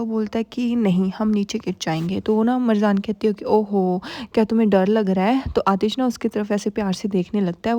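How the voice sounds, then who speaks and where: A woman's voice: mid-range voice, warm tone, dry recording. A woman casually retelling a drama's story in a chatty, close-miked recap, adding playful asides to the listener.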